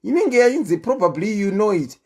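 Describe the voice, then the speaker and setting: Hosting a relaxed livestream chat, this woman speaks fairly quickly in a deep, Zimbabwean-accented voice, telling stories with chatty, animated energy.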